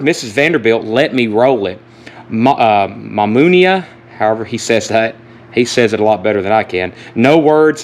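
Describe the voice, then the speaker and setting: A man hosting a casual live online auction, calling bids and prices like an auctioneer and reading out lists. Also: medium pitch. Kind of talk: casual live sales talk with list reading. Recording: noticeable background noise, live stream.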